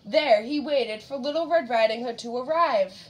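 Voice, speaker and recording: A woman's voice: fairly high pitch, moderate pace, highs cut off. A woman reading a storybook to a child. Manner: animated, asks the child questions. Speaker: reader. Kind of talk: reading a picture book aloud to a child.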